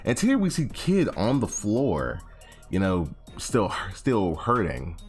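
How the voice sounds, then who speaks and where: A man's voice: on the low side, huge pitch swings, takes it slowly, soft background music. A young man casually recapping a comic chapter, slangy and rambling, often correcting himself and acting out quotes. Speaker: anime chapter reviewer.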